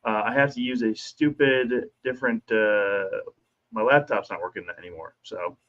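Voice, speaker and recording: Male co-host, relaxed fillers, thin bassless tinny mic, muffled lo-fi sound. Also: normal speed. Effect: thin tinny mic sound with no bass. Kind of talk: casual chat.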